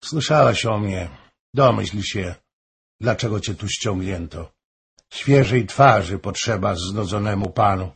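A frail, grieving noblewoman, as a male reader puts her on, pleads in a slow, heavy, gravelly voice. Her breathy husk makes every warning sound weary and solemn in this storybook reading. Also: fairly low pitch, heavily acted. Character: fallen noblewoman, pale, weak, grieving, warning. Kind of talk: audiobook reading.

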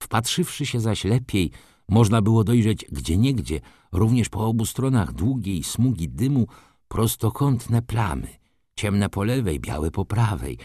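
Deep-voiced man narrating a story. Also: measured pace, husky, dry recording, studio quality. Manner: expressive first-person storytelling reading. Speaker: audiobook narrator. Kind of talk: scripted narration.

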